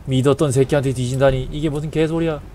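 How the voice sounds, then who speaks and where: A young man commentating his own gameplay, swearing and yelling at enemies in frantic outbursts. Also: mid-range voice, steady tone, quick pace, slight background noise. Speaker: game streamer.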